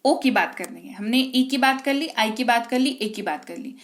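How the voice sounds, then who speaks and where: A woman teaching an English reading lesson, drawing words out slowly and checking in often with the class. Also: fairly high pitch, animated. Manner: drills words aloud, slow and stretched, with many check-ins to the class.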